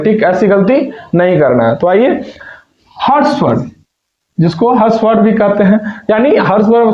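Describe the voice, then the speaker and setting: Male tutor, high voice, warm with pupils, self-quizzing, dull echoey room sound. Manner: asks and answers his own questions; addresses students affectionately. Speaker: teacher. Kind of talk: exam paper walkthrough lesson. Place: filmed room with a camera operator.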